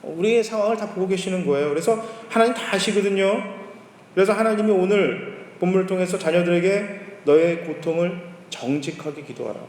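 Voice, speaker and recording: A male pastor giving a sermon, telling a story in a relaxed conversational way. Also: high-pitched, brisk. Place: church sanctuary. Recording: roomy church hall with long reverb.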